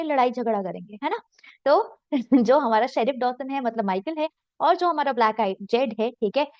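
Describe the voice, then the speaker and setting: A woman teacher with an Indian accent, her voice a touch high, reads each English line slowly and deliberately before breaking into a quick, chatty explanation full of fillers. She is recorded close and dry, with a slightly dull sound. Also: darkish tone, no echo.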